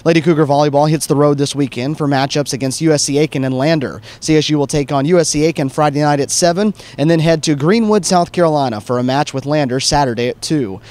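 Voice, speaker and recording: A man hosting a college sports show, reading scripted sports news and asking interview questions in a brisk, upbeat announcer manner. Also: on the high side, a little mellow.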